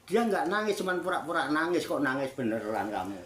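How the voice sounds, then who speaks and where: A male Islamic cleric with a Javanese accent, leading a humorous religious discussion, teasing and animated, repeating phrases for effect. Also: fairly high pitch, a little fast, echoey room, slight background noise.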